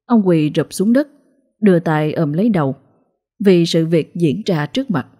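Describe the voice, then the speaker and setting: A woman narrates a ghost story with steady drama. Her voice is low-pitched, dark and a little husky. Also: normal speed.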